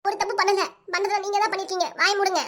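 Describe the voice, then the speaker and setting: A woman's voice: very high voice, little pitch movement, racing, fairly bright tone. A woman voicing a sulky little girl who talks back, in a whiny, defiant way, with a southern Tamil accent.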